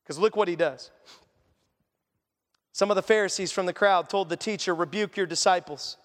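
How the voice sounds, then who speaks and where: A man delivers a sermon in a fairly high voice, talking to the congregation in an earnest, conversational way. He often sinks to a hushed, soft tone to stress a point. His voice rings with the long reverb of a large church hall. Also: moderate pace. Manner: earnest, conversational preaching with sudden quiet drops. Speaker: pastor.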